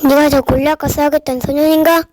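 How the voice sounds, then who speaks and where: Solemn king for a children's Bible play, woman performer: formal, authoritative, high-pitched, dry. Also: steady tone, fast, a little mellow, no room sound, lightly acted. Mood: doubtful. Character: solemn, doubtful, then blessing king, adult man.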